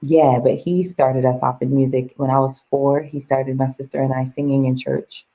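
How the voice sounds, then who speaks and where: A young woman chatting as an interview guest, animated, laughing and acting out quoted voices. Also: rumbling low, moderate pace, rough recording. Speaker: guest, vocal coach. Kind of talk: casual interview chat.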